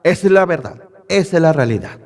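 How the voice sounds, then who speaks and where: A man's voice: a little high, expressive, fast, a little mellow. A man preaching a sermon, quizzing his congregation with rhetorical questions. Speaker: pastor. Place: church hall. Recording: echoey church hall.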